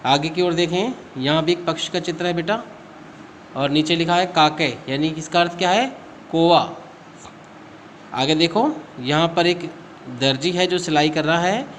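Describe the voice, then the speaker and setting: A man's voice: fairly high pitch, moderate pace, a bit bright, a little hiss or hum. A male school teacher giving a recorded class lesson, patiently asking questions and answering them himself. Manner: addresses students as beta.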